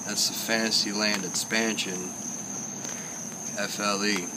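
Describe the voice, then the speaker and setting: A man's voice: fairly low pitch, level tone, takes it slowly. Rambling goofy man, noisy outdoor recording. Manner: goofy, rambling, laughs often, trails off. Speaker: host of a casual sit-down chat. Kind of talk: rambling comic casual chat.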